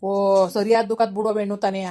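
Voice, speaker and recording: A woman's voice: medium pitch, little pitch movement, dark tone, close to an everyday voice. A woman acting as a village woman who consoles the grandmother, soothing but blunt. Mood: consoling. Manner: soothing yet blunt, quick talk. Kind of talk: village comedy skit acting.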